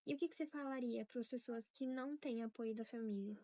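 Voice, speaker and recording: A woman interviewer asks gentle, encouraging questions in a high, quick voice. The sound is close and dry. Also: no room sound. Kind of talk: documentary interview.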